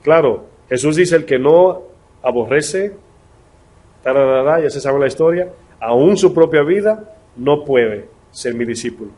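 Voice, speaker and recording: A male pastor preaching a sermon in a conversational way, asking his listeners rhetorical questions and reading scripture slowly and deliberately. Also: on the high side, expressive, a little mellow.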